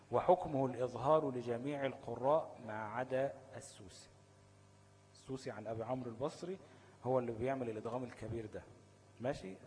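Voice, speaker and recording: A man's voice: mid-range voice, a little mellow, slight background noise. A man with an Egyptian Arabic accent teaching Quran recitation rules, often posing fill-in questions and checking that listeners follow. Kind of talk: explanatory lesson.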